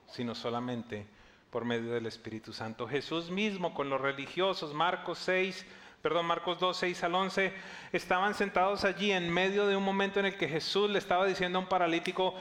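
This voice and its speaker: A man preaching a sermon as pastor, with a lively delivery that acts out quoted voices. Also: high voice.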